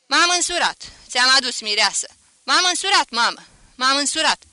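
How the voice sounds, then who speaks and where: A woman voicing a burly, newly married young man who shouts loudly and excitedly in a storybook reading. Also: high-pitched, dry recording, voice pushed up, heavily acted. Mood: elated shouting.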